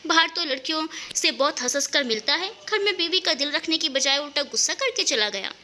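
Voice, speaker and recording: Woman reading a sly, syrupy middle-aged aunt in an audio story, bright forceful voice. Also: high voice, lively intonation, a little fast, a little hiss or hum. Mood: sugary. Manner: sugary, fussing. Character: scheming middle-aged aunt, falsely sweet.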